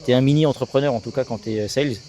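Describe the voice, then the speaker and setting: A sales agency co-founder in his thirties from Alsace, France, gives a talkative, casual interview full of business jargon. His medium-pitched, warm voice races along.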